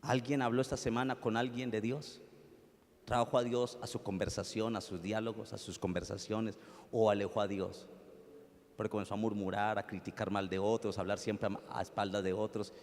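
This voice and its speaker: A man with a Colombian accent, a pastor preaching a sermon and telling a story, swinging from loud pleading to hushed tones. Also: fairly low pitch, little pitch movement, moderate pace, big-room sound.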